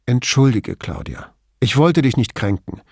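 A man reading an audiobook, voicing a calm male police commissioner who speaks in a quiet, restrained way. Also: medium pitch, unhurried, slightly rough, no echo, studio quality.

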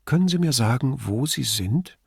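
Man reading a soft-spoken investigator, casual gentle questions, raised voice, gravelly edge. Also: mid-range voice, animated, normal speed, no room sound, clean studio sound, voice pushed up, heavily acted. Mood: gentle, coaxing. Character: calm investigator gently questioning dying woman.

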